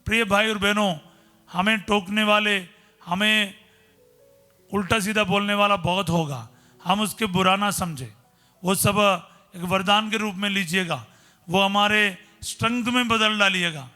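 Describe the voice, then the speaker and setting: Middle-aged priest preaching in hindi, high piercing voice, soft music behind. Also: male voice. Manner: storytelling preacher, simple conversational Hindi, exclaims hallelujah. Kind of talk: sermon with personal stories.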